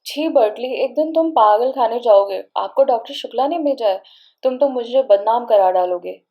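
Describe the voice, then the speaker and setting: A woman voicing a loud, scolding young woman. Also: fairly high pitch, normal speed, close to an everyday voice. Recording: dull lo-fi recording.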